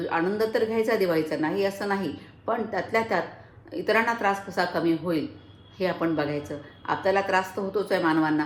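Woman host, low voice, earnest explainer listing points, echoey room. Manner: earnest, lists points one by one, small restarts. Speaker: health channel host. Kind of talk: explanatory health talk.

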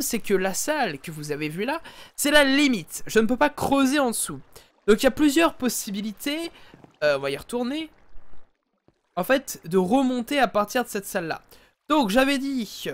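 Speaking at an extremely high pitch, a man streams a let's play with chatty live commentary into a headset, repeatedly addressing viewers as ladies and gentlemen.

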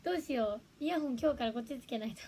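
A woman's voice: on the high side, very fast, mellow, a little hiss or hum. A young woman chatting casually on a livestream, giggling and reacting to viewer comments. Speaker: livestream host.

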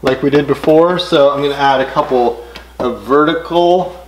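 A middle-aged man giving relaxed, step-by-step how-to instructions while building in his home workshop. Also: on the high side, normal speed. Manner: relaxed, step-by-step explaining with casual fillers. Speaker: DIY builder. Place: home woodworking garage workshop. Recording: echoey workshop with clear background noise.

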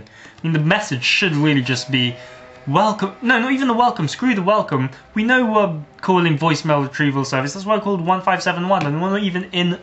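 A man's voice: a little high, fairly bright tone. A teenage boy vlogging a casual, sarcastic comic rant with jumpy swings of emphasis.

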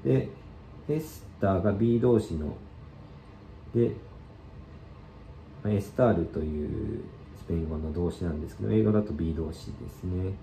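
A man with a low, very dark and mellow voice walks through a language lesson in an easygoing, filler-heavy way. He sounds like he is in an echoey room with a faint hum of ambience behind him. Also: moderate pace, vocal fry, pauses often. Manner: relaxed explanatory, many fillers. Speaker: Spanish teacher.

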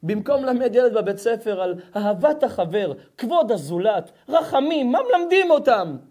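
A rabbi preaching a fiery sermon to a live crowd. His voice is high for a man, and he swings from shouting to quiet, biting sarcasm. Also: very animated. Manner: addresses the crowd directly. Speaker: rabbi giving a public lecture. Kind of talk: impassioned sermon.

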